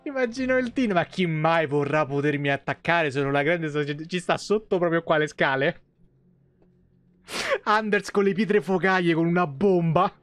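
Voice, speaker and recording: This game streamer, a man in his thirties, has a fairly high, fairly bright voice at normal speed. He gives casual, joking, foul-mouthed live commentary into a close streaming mic in a small indoor room at home.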